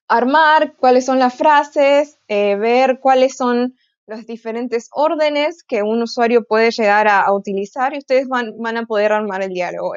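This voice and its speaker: A woman's voice: a little high, darkish tone, smooth, dry recording, lo-fi sound. A woman giving an online tech conference talk, hesitant, with frequent filler sounds and restarts. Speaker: conference speaker.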